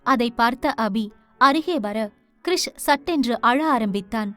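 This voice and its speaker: A woman narrating a romance audio novel in steady storytelling style, voicing each character. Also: fairly high pitch, a little slow, no room sound. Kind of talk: scripted narration.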